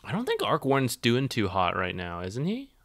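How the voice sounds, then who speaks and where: A young American man streams himself reviewing game replays and reading chat, laid-back and thinking out loud as he comments casually. His mid-range voice swoops wildly in pitch, with a normal speed and a fairly bright tone.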